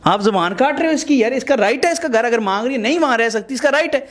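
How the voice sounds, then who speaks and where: A man's voice: very high voice, animated. A man hosting a show, mediating a marital dispute on camera and lecturing the couple and his viewers emphatically. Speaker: host.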